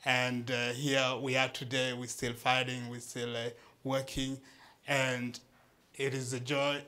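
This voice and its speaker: Bright-voiced man addressing an audience. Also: medium pitch, little pitch movement, clear, resonant tone. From Eastern Democratic Republic of Congo. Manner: earnest, laughs often, halting with fillers and restarts. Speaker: founder of a charity speaking at an event. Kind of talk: speech to a live audience.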